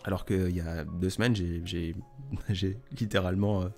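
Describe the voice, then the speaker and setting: A man hosting a casual live stream, reading viewers' messages aloud and answering in a soft, hesitant way with many fillers. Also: sits low, steady tone, moderate pace, vocal fry, faint music behind. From France.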